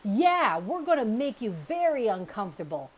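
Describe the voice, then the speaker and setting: A woman's voice: lowish voice, big pitch swings, takes it slowly, slight background noise. A woman voicing a young male bear, a whiny copycat little brother, in a storybook reading. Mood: threatening.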